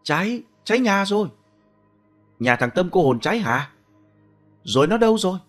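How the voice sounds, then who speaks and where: Male narrator doing a villager shouting in alarm, audiobook ghost story. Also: high voice, sing-song, normal speed, faint music behind, pitched above the performer's own voice. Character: alarmed villager at a house fire.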